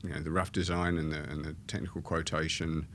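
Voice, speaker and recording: Deep gravelly guy with a mixed english-aussie accent, rambling a bit as a guest, faint hiss behind. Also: little pitch movement, fast talker, a bit bright. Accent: mix of English and Australian. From born in Australia, raised in England. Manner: hesitant, meandering storytelling. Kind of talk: casual interview chat.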